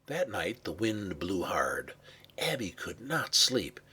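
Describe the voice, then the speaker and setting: A man reading a children's story aloud with expressive, varied pacing and some hushed passages. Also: lowish voice, takes it slowly, breathy edge. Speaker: narrator.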